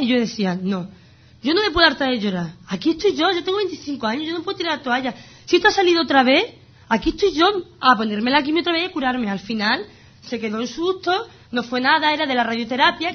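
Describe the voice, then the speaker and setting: Fast-talking high-voiced woman. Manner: animated, emphatic storytelling. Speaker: guest sharing her illness story. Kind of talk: casual conversation. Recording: slightly dull lo-fi sound.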